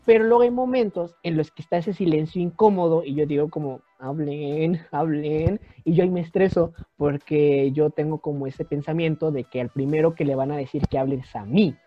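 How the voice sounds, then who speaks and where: Animated man, casual chat. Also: no echo. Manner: animated, mimics others in high voices. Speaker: podcast co-host. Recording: slightly dull lo-fi sound, faint music.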